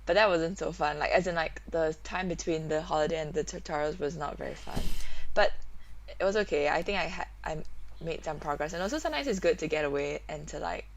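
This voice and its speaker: A woman's voice: deep voice, fairly quick, slight background noise. A woman in her twenties from Malaysia, co-hosting a casual podcast, talking hesitantly, trailing off and laughing often. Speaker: podcast co-host.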